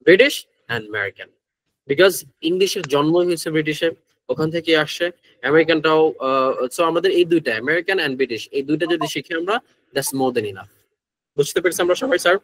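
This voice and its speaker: A man's voice: a little high, expressive, brisk, fairly bright tone, rough recording. A man with a Bangladeshi accent, teaching an English pronunciation class who mixes Bengali with English phrases and keeps asking his students questions. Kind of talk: online class lecture.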